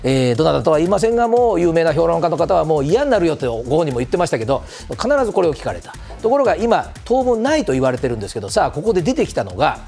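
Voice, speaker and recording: Animated man with a gravelly voice. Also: on the high side, racing, few pauses, faint music behind. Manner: polite, formal, with many fillers. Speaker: political commentator. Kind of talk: explaining politics on a TV talk segment.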